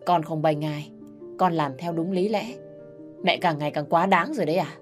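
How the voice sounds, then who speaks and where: A woman voicing a gentle young husband who defends his wife and speaks softly to her. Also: deep voice, normal speed, soft background music, lightly acted. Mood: defensive. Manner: pleading, soft.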